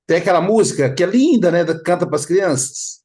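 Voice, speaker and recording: A man leading a spiritist study group, talking in a lively way, acting out little dialogues and often adding tag questions. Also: high-pitched, fairly quick, breathy edge. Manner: animated, acts out dialogues, frequent tag questions.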